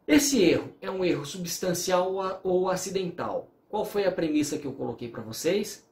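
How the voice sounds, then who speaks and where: A man's voice: on the high side, a little mellow. Man, law professor, recorded lecture, explanatory, echoey room. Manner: explanatory, works through examples, acts out quoted dialogue.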